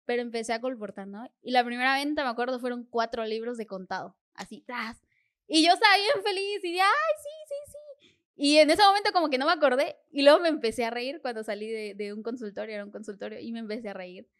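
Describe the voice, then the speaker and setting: A young woman, fairly high-voiced and talking fast, gives her testimony of faith as a podcast guest in a clear, resonant tone. Earnest and sincere, she narrates like a storyteller and plays back her prayers as brief chats with God.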